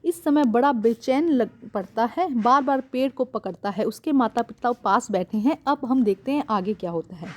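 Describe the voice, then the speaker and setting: A woman's voice: fairly high pitch, animated, moderate pace, hardly any pauses. A woman teaching a class lesson on a Hindi one-act play, calling her students "beta" and restating each line in simple words.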